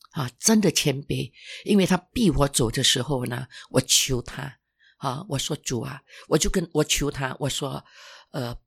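An older former pastor giving an emotional personal testimony, halting and restarting, sometimes dropping to a whisper. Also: mid-range voice, gravelly, breathy edge.

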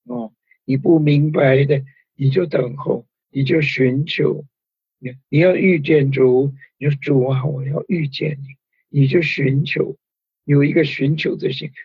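Brief: male preacher, very breathy husky voice, chatty sermon delivery, dull lo-fi recording. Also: a little high, measured pace, no room sound. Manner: conversational preaching with frequent fillers and tag particles.

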